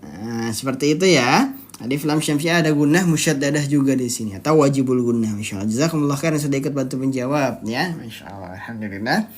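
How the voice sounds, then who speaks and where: In a mid-range voice, a teacher runs a live online Quran recitation lesson, explaining each rule step by step and quizzing the students. Recited words are drawn out slowly for demonstration, and the teacher now and then clears their throat and apologizes.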